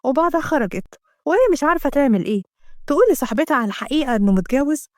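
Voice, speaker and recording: Brisk Egyptian woman telling a story. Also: sits high, animated, no room sound, clean studio sound. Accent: Egyptian Arabic. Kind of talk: dramatic story narration.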